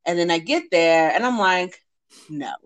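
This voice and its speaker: A woman with a lower voice, talking slowly but with lively swings in pitch. She co-hosts a casual chat in an unhurried, drawn-out storytelling manner.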